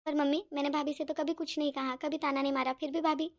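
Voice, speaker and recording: A woman's voice: sits high, flat delivery, fast, highs cut off, lightly acted. A woman voicing a tearful young married daughter in a cartoon, weepy and self-pitying. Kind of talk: cartoon voice acting.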